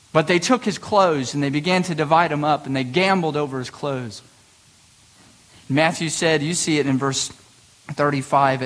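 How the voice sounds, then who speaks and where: A man preaching a sermon from the pulpit, telling the scene vividly and swinging between soft low lines and loud emphatic ones. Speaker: pastor. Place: church sanctuary.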